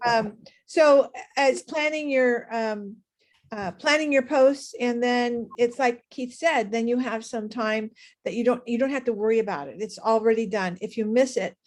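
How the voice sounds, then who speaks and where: A woman's voice: on the high side, normal speed. A woman with a Californian accent co-presenting a social media workshop, enthusiastic, with frequent fillers. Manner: enthusiastic, lots of fillers and restarts. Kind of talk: casual workshop talk.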